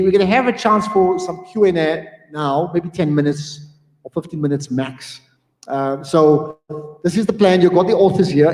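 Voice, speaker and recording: Lively man hosting in a reverberant hall. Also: fairly high pitch. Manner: chatty, lively, self-interrupting. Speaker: event host. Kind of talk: live event emceeing. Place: community hall.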